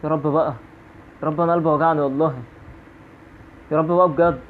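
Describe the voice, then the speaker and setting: A man's voice: fairly high pitch, level tone, fast talker, a little hiss or hum. A man with an Egyptian Arabic accent giving jumpy horror-game commentary, repeating phrases over and over. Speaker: gaming YouTuber. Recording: tinny phone-like audio.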